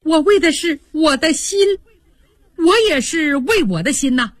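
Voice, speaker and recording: A woman voicing a quick-tempered, sulky young noblewoman who speaks in a petulant, cutting way, in a radio storytelling. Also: high voice, lively intonation, no echo, clean studio sound, voice pushed up. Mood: tearful reproach.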